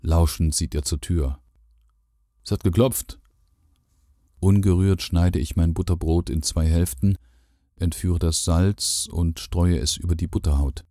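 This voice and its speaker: A man reading a first-person literary story aloud in a calm, measured way. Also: low voice, no room sound, clean studio sound. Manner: calm, measured storytelling with lively quoted lines. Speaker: narrator.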